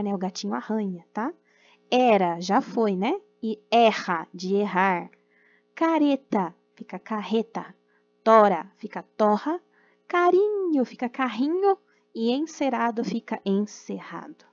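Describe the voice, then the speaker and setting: Patient Brazilian woman teacher, slightly high voice. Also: no room sound. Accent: Brazilian Portuguese. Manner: patient, sounds words out slowly, many diminutives. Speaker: primary school teacher. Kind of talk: recorded remote class for young children. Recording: dull lo-fi audio with faint music.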